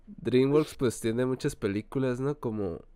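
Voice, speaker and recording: A man's voice: medium pitch, measured pace, mellow, clean tone. A young man with a Mexican Spanish accent hosting a casual, joking podcast chat full of slang and laughter. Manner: laughs often, slangy banter. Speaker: podcast host.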